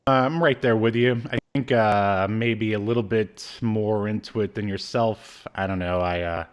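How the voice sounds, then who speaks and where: A man in his thirties co-hosts a podcast from a room at home over a video call, chatting casually and hesitantly while reviewing old media. His voice is fairly low and clean, with fairly even intonation and a moderate pace.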